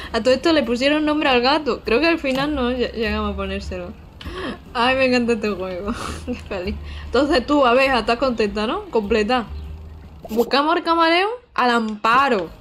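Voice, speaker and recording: A young woman talks over her gameplay in a bubbly, chatty way. Her voice sits a touch high. A faint hiss stays in the background. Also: moderate pace. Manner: excitable, chatty, with frequent squeals and giggles. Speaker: streamer playing a video game. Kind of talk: casual live-stream gameplay chat.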